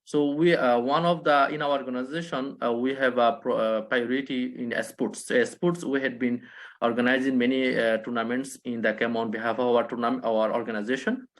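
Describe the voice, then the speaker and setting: A Rohingya man from a Bangladesh refugee camp, speaking as a panelist in a halting way with many restarts. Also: mid-range voice, steady tone. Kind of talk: online panel talk.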